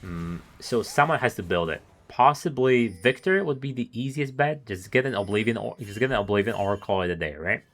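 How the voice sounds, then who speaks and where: An esports caster does live solo commentary in a lowish, expressive, slightly bright voice, speaking fairly quickly with few pauses. He's analytical and musing, chuckling between thoughts, and his voice is wearing thin.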